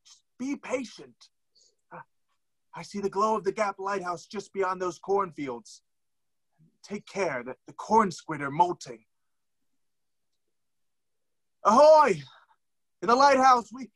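A man's voice: sits high, measured pace, long pauses, a bit bright, breathy edge, heavily acted. A man playing an earnest questing hero who speaks in mock-formal tones that slip into plain talk. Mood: exasperated.

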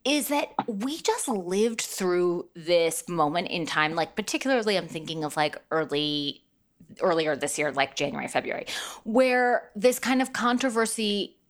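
A woman's voice: fairly low pitch, a bit bright. A woman co-hosting a podcast in casual conversation, emphatic and often laughing. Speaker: podcast co-host.

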